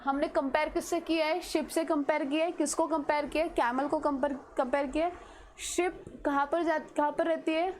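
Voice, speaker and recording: A woman's voice: sits high, fairly even intonation, a little fast, darkish tone, slight background noise. A woman teacher with an Indian English accent, giving a classroom grammar lesson and mixing Hindi and English while she keeps checking that students understand.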